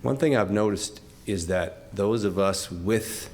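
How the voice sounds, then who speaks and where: An older man giving heartfelt off-the-cuff remarks at a tribute, emotional and close to tears, speaking haltingly with many restarts and laughing through it. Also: on the low side, darkish tone, a little hiss or hum. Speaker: speaker at a corporate tribute event.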